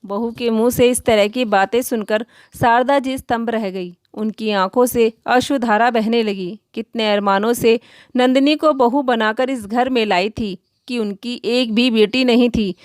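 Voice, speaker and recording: A woman narrates a moral tale in a steady, even, read-aloud manner. Her voice sits fairly high. The recording is close and dry, with no audible room. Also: measured pace, no echo. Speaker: storyteller. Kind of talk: scripted storybook narration.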